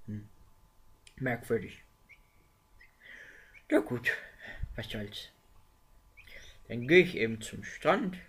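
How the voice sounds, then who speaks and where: Man voicing a young rabbit, puppet play, husky, animated, slow, muttering. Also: mid-range voice, exaggerated voice. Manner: calling out, muttering to himself. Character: kind young male rabbit, apologetic and fretful.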